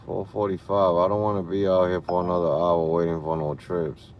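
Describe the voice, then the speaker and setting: A man's voice: low voice, little pitch movement, a little fast, highs cut off. A man driving for a rideshare app, tired, talking casually and muttering to himself in slangy speech as he streams live from his car. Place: inside a car at night. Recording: faint vehicle noise.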